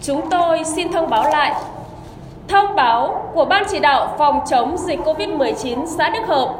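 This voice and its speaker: A woman reading a formal, measured official announcement as a commune radio announcer over a public loudspeaker. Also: high voice, expressive. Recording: echoey loudspeaker, long reverb, background noise.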